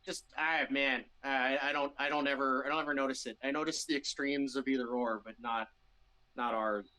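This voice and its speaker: A man's voice: mid-range voice, fairly even intonation, normal speed, pushed and bright, poor audio. A man with a Midwestern American accent, a band member chatting casually in an interview, rambling with restarts and easy laughs.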